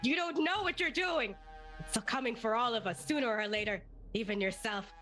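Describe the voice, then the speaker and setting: A man voicing a cowering male vampire lord, pleading and threatening in a shrill, theatrical way in a dramatic scripted clip. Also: normal speed, pushed and bright, soft background music. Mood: panicked, threatening.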